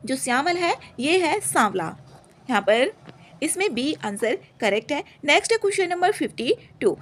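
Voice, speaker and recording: A young woman teacher walks through exam answers one by one in quick, repetitive explanations. Her voice sits high and moves a great deal. She keeps pressing on from one question to the next.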